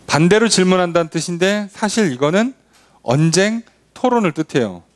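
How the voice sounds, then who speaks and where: Male pastor, church Bible study; lively, fairly high voice; talks to the class, acts out imagined objections bluntly. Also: moderate pace. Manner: conversational, explains verses step by step, asks the class questions.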